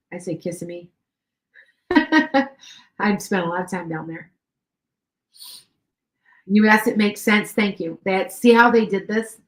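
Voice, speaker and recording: A middle-aged psychic medium with a Chicago and Wisconsin accent gives live-stream readings to viewers in a lowish voice. She's chatty, repeats herself and keeps checking whether she's making sense, all in an echoey room.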